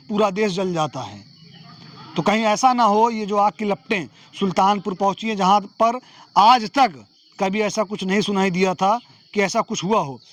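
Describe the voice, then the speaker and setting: A man's voice: high-pitched, a bit bright. A man reporting from the field for local news, speaking with passion and asking rhetorical questions.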